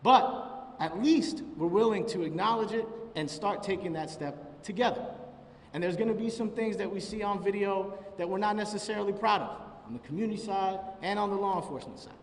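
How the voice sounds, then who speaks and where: A man's voice: high-pitched, brisk. A man giving an earnest, emphatic speech at a press conference as a state senator. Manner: earnest, emphatic public speaking. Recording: echoey hall from far off.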